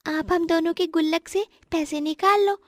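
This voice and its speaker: A woman's voice: extremely high pitch, steady tone, moderate pace, voice pushed up. A woman voicing a sweet, innocent small child in a moral story, with an eager manner. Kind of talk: acted Hindi moral story.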